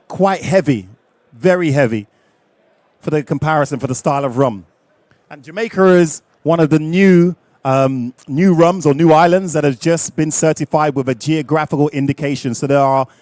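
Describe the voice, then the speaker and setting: A middle-aged man leading a live rum tasting, lively and jokey, chatting with his audience. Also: fairly high pitch, dry recording.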